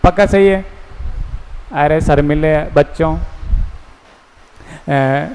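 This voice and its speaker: A man's voice: on the high side, slow pace, a little mellow, a little hiss or hum. A male teacher giving a classroom lecture, coaxing students with call-and-response questions. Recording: echoey classroom hall.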